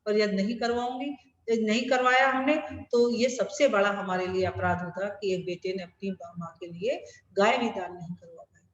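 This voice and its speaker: A woman's voice: medium pitch, steady tone, normal speed, muffled recording. A woman teacher explaining a Hindi lesson over a video call, asking rhetorical questions and restating each point. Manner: rhetorical, repeats and rephrases lines while explaining. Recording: echoey room with long reverb.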